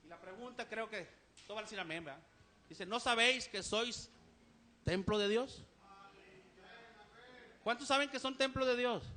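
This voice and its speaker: Mexican preacher guy, bright sharp voice, keeps asking the church stuff and saying amen. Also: high voice, moderate pace, long pauses. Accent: Mexican Spanish. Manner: questions the congregation and repeats amen. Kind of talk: sermon. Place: church service, live stream.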